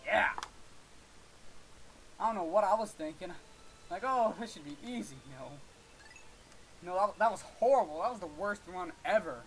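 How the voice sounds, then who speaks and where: Lively, excitable young gaming commentator. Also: male voice, a little high, slight background noise, rough recording. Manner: excitable, swears and yells at the game. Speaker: let's play host.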